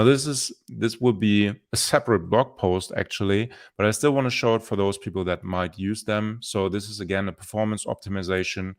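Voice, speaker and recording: Low-voiced man giving a live code demo. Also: gravelly. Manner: thinks aloud with restarts and fillers. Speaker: developer presenter. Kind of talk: live-streamed software demo.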